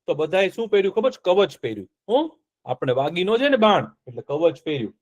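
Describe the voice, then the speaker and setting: Male storyteller, high voice, keeps the kids involved with questions. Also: quick pace, muffled recording. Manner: lively, asks the children questions as he tells. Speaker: storyteller for children. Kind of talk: telling a folk tale to children in an online class.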